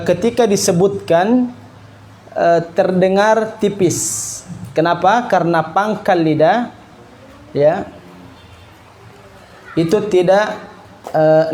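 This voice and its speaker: A man teaches recitation rules to children with a fairly high voice and an unhurried pace. He says single syllables again and again for the pupils to copy. Faint noise sits behind him. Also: darkish tone. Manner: slow, repeats syllables for students to copy. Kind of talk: classroom tajweed lesson.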